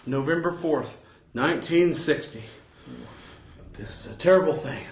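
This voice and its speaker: A playful man reads old newspaper headlines with mock alarm, as if each item were a scandal. His voice is a bit high for a man. The room around him is echoey. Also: unhurried. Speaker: co-host. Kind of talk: reading old news with banter.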